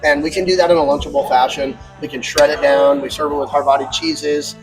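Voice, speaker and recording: A man's voice: a little high, steady tone, fairly quick, over music. A man who owns a barbecue restaurant, chatting casually and laughing often while eating. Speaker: restaurant owner.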